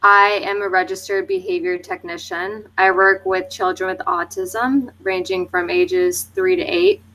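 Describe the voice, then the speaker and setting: A woman from Charlotte presents to her class in a bright voice. She stumbles and restarts at times. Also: mid-range voice, measured pace, poor audio. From Charlotte, North Carolina, USA. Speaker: graduate student presenter.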